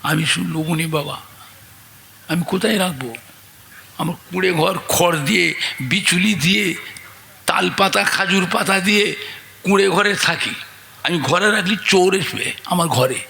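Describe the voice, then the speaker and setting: A man preaching a waz sermon, his voice high and gravelly with a sharp, piercing edge. He acts out the people in his stories and shouts greetings to the crowd, with a faint noise behind him. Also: unhurried, pauses often.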